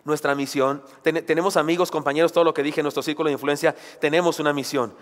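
A man with a fairly high, steady voice preaches a sermon at a fast clip, emphatic and full of rhetorical questions and joking asides. He's in a church sanctuary, and the recording carries the long reverb of a church hall.

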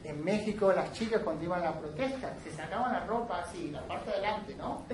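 A woman teaching a class, switching between Spanish and English and often checking in with the students in an animated way. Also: fairly low pitch, a little fast, noisy background. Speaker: instructor. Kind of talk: classroom lecture. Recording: roomy classroom sound from a distant mic.

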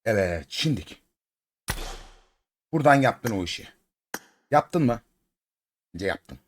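Excitable Turkish man chanting over a game. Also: lowish voice, takes it slowly, slight background noise. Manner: excitable, chanting repeated words, coaxing his cat. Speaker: mobile game streamer. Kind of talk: casual gameplay commentary.

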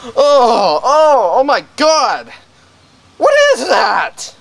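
Scared young man played by a man for a comedy skit: high voice, swooping, halting, overdone fear. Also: very animated, fairly bright tone. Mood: panicked. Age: young adult. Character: frightened young man daring a house of scares. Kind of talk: amateur comedy skit acting.

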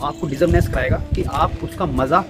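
Fast-talking young man on a rooftop. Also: on the high side, over loud music. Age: young adult. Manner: chatty, keeps saying "friends" and "okay?". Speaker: kite-flying vlogger. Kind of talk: casual demo and live commentary. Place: open rooftop outdoors.

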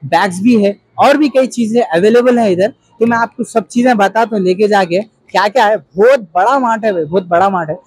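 A man's voice: sits high, a little fast, hardly any pauses, darkish tone, breathy edge. A man giving a chatty, upbeat walking tour of a big supermarket as host of his vlog. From Hyderabad, India. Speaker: vlogger and host. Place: large busy supermarket indoors.

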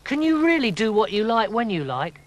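A nervous young male frog from a storybook, voice jumping high when alarmed. A man reads him aloud. He sounds lively and fretful. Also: fairly quick. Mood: anxious. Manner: high-pitched and anxious.

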